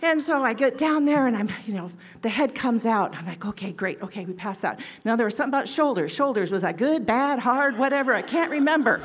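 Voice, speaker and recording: An oncology nurse in her sixties tells a story to an audience, acting out quoted lines with sudden leaps in pitch and volume. She is expressive and a little fast, with slight background noise.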